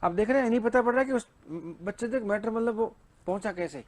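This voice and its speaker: Man, high-pitched, Hindi accent, lecture, keeps asking questions and answering them himself. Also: quick pace. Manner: asks and answers his own questions, mixing in read-out English. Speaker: English teacher. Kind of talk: exam-prep lecture.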